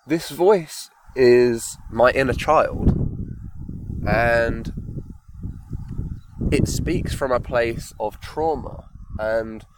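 A man hosting a solo podcast, talking slowly and thoughtfully, often pausing to find his words. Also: medium pitch, background noise. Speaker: podcast host. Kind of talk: reflective solo monologue.

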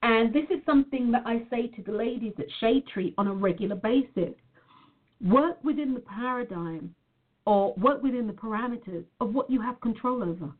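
A woman's voice: fairly high pitch, normal speed. A woman hosting a live self-help podcast in an emphatic, sing-song, welcoming delivery, stretching words and repeating phrases to her listeners. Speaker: podcast host. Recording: tinny phone-line sound.

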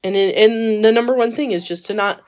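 A woman's voice: mid-range voice, a little fast, darkish tone. Earnest woman co-hosting a book club chat. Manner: earnest, emphatic, many fillers and restarts. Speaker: book club podcast co-host. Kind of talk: casual chat. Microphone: phone recording.

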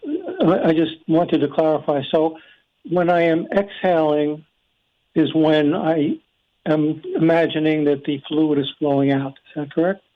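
A man's voice: on the high side, measured pace. A man calling in, talking casually in a hesitant, polite way as he seeks clarification. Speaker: caller. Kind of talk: casual phone conversation. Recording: muffled lo-fi phone call.

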